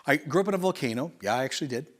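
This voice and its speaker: Man, pastor, middle-aged, sermon, lively asides, rhetorical questions, fairly high voice. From Canada. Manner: animated, conversational preaching with rhetorical questions and quick asides.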